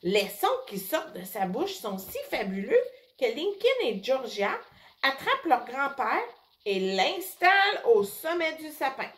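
A woman reading a children's story aloud in an expressive, unhurried way. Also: a little high. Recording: echoey room.

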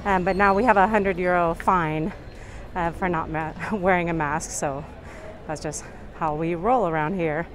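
A local tour guide vlogger leads a casual walking tour through a covered market and its entrance, her voice muffled by a face mask. She speaks in a lowish, steady tone at a measured pace. The handheld recording is noisy, full of market ambience.

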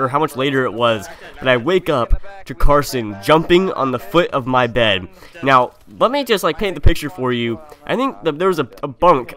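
Sitting at his gaming setup indoors, a young man streaming gameplay spins a story in casual slang, performing the characters' lines as he goes. Recorded on a close mic, his medium-pitched voice sounds pushed and bright.

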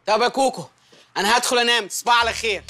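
A man's voice: extremely high pitch, steady tone, racing, bright, forceful tone, soft background music, exaggerated voice. An actor with an Egyptian accent playing a sheepish, jobless husband who pleads with and teases his wife in a comedy film. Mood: nervous. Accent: Egyptian Arabic. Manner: pleading, then teasing and mocking. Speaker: husband out of work. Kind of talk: comic film acting.

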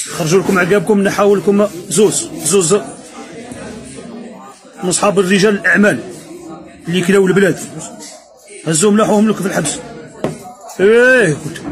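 A man with an Algerian Arabic accent delivering a mocking, sarcastic political rant that speaks straight at his opponents. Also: high-pitched. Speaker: political commentator.

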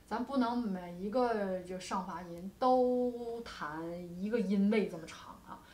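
A woman's voice: medium pitch, a little slow. Patient woman guqin teacher, echoey room. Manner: patient explaining with frequent soft particles. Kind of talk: music lesson with demonstrations. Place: music studio.

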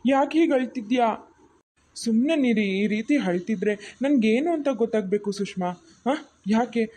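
A woman voicing a calm, caring young husband in a cartoon, who speaks in a soothing, reassuring way. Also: a little high, moderate pace, a little hiss or hum, natural voice.

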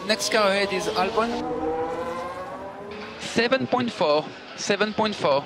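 Terse pit radio guy, clipped orders, sounds far off over the radio, pretty high pitched. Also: animated, unhurried, very noisy. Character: male race engineer on team radio. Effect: distant team radio call.

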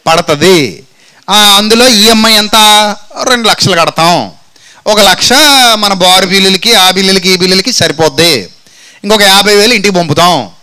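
A man preaching a sermon who asks his listeners questions and answers them himself, acting out people's words in dialogue and dropping to low, slow phrases for effect. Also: sharp tone, low-quality recording.

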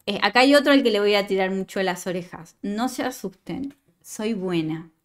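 A woman's voice: mid-range voice, moderate pace. A woman leading a writing workshop, reading a student's story aloud and giving chatty, digressive, teasing feedback.

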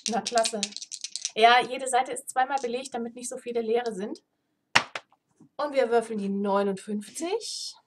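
A woman reading aloud from her own book in a chatty way, pausing to roll dice and chat. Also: fairly high pitch, background noise. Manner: chatty, self-interrupting.

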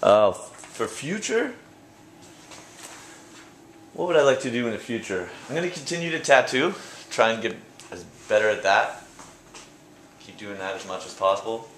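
A young man from Canada talking casually about his paintings at his gallery show, relaxed and rambling, with fillers and restarts. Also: fairly low pitch, moderate pace, long pauses, a little hiss or hum. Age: young adult. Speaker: painter interviewed at his exhibit. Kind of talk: casual interview answers. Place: art gallery indoors. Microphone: handheld camera close by. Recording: echoey gallery room.

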